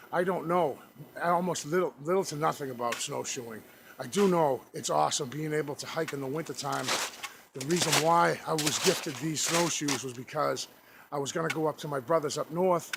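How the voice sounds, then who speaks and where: A man talking casually to his vlog viewers, halting and rambling as he trudges through snow outdoors. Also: a little high, vocal fry. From New England, United States. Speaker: outdoor vlogger. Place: outdoors on a snowy forest trail. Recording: noisy outdoor audio with clicks.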